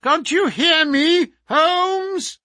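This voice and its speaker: A man's voice: very high voice, very slow, bright, forceful tone, no room sound, studio quality, pitched above the performer's own voice, heavily acted. A man voicing a cruel, mocking male visitor who taunts a sick man. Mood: shouting. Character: sneering, cruel middle-aged male visitor.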